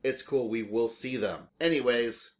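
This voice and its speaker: A man's voice: mid-range voice, unhurried. A man co-hosting a casual podcast, talking loosely with frequent restarts and fillers. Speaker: podcast co-host. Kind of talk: casual chat.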